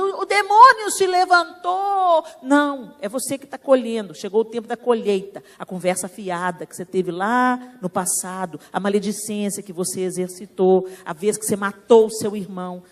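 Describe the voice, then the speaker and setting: A woman's voice: medium pitch, fairly quick, hardly any pauses, a little mellow. A Brazilian woman pastor preaching a sermon in a church, asking rhetorical questions and rising into emphatic preaching.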